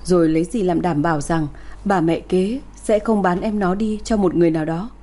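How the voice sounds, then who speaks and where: Mellow-voiced woman telling a sad tale. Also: fairly low pitch, brisk. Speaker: storyteller. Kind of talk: scripted narration of a folk tale.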